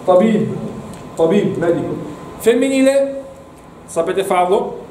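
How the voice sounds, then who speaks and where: Guy teaching a class, warm mellow voice, keeps urging students to study, roomy echo, sounds far from the mic. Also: sits high, sing-song, slow pace, a little hiss or hum. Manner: encouraging, repeats words for students. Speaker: Arabic teacher. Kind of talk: classroom lesson. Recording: echoey room, mic far off.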